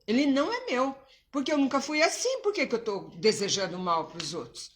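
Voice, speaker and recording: A woman's voice: high voice, expressive, fairly quick. A woman giving an informal religious lecture at a spiritist center, talking conversationally, asking rhetorical questions and acting out quoted thoughts.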